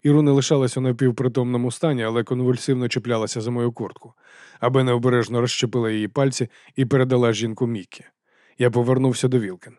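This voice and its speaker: A man narrates an audiobook in the first person, in a deadpan and sardonic tone. He reads at a brisk, quick pace. The recording is close and dry, with no room sound. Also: mid-range voice, no echo. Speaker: audiobook reader.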